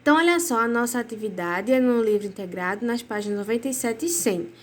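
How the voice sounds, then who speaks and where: Affectionate Brazilian teacher, higher voice. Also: female voice, lively intonation, fast talker. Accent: Brazilian Portuguese. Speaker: primary school teacher. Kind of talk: recorded remote grammar lesson for children.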